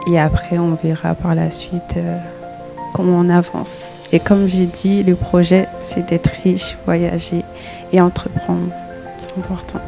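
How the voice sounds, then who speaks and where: Gravelly earnest woman pitching herself. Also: little pitch movement, measured pace, music in the background. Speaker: contestant. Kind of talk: speaking to camera.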